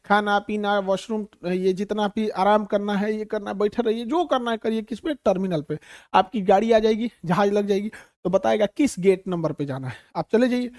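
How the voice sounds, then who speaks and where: A man from Bihar with a Bihari Hindi accent, teaching a class in an animated, humorous way and calling his students "babu". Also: high-pitched, no room sound, studio quality. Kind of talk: classroom lecture.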